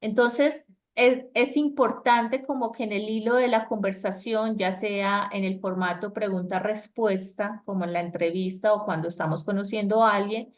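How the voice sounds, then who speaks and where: A woman teaches an online English lesson. She explains grammar patiently in a mid-pitched voice and keeps asking her students "right?" to check they follow. She is heard through a video call. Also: steady tone, normal speed, few pauses.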